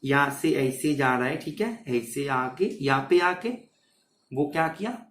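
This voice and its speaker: A mid-range, fairly bright voice carries this unhurried, animated exam-prep maths lecture. The teacher keeps asking whether his students are with him and repeats phrases as he explains, and the room sounds echoey.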